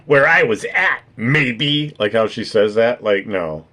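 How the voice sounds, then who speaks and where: A man's voice: mid-range voice, animated, takes it slowly, sharp tone. A man giving casual, rambling reaction commentary, swearing freely and tacking "right?" onto his points. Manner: rambling, profane, keeps adding "right?". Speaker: streamer reacting to videos.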